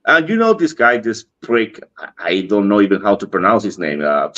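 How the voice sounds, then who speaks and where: Dominican man telling a lively story. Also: on the low side, moderate pace. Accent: Dominican Spanish. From Dominican Republic. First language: Spanish. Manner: animated, acts out dialogue, laughs often. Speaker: cigar industry guest. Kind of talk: casual storytelling. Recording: dull lo-fi stream audio.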